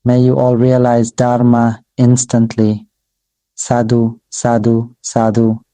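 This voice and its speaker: A Buddhist monk delivering a dharma sermon in a very dark, mellow voice that stays almost level in pitch. He speaks in slow, measured, repetitive phrases that sound like an incantation. The sound is close and dry, with no room echo. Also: completely flat delivery. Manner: addresses his own voice as "Mister Voice".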